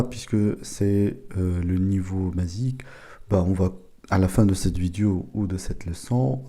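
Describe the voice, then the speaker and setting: A man giving a casual spoken language lesson, saying each word slowly and repeating it several times. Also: low-pitched, dark tone. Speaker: language teacher.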